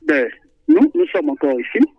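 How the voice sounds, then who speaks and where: Calling a radio show to chat about football, this man sounds a little high and gravelly, speaking at normal speed with no echo through a tinny phone connection. He's lively in his delivery, yet full of hesitations and repetitions.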